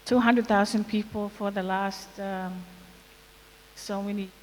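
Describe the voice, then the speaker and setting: Slow-spoken woman in a hall. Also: mid-range voice, fairly even intonation. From Samoa. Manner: slow, measured, with pauses. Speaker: central bank governor. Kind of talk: panel discussion remarks. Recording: hall reverb with clear hiss.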